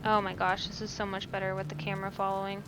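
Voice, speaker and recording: A woman's voice: mid-range voice, monotone, fast, background noise. A woman giving casual, chatty gameplay commentary as she hosts her own playthrough. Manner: chatty, reads choices aloud. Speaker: gamer, playthrough host.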